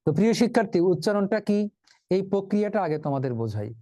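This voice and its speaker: A male teacher with a mellow, somewhat high voice. He leads an online lesson step by step and talks straight to his students in a calm, reassuring way. The recording is dry, with no room sound. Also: racing, no echo. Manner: reassuring, addresses students directly, explains step by step. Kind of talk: online class lecture.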